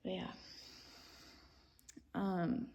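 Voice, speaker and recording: A woman's voice: drawn-out words, in a whisper, dull audio. A young woman vlogger telling a personal story in a casual, rambling way, giggling nervously now and then.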